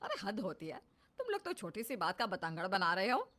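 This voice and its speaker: A woman's voice: mid-range voice, wildly swooping pitch, a little fast, voice pushed down. A woman voicing a stubborn, scolding old mother-in-law in a cartoon story. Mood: dismissive. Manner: scolding, sharp retorts. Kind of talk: cartoon dub.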